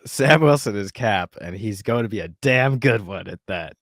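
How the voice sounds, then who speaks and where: A man hosting a podcast, talking with a sarcastic edge and plenty of laughs. His pitch swings in a lively way as he reads and mocks an article. The sound is dry and close. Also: moderate pace, no echo. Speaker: podcast host. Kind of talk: casual chat, reading articles aloud.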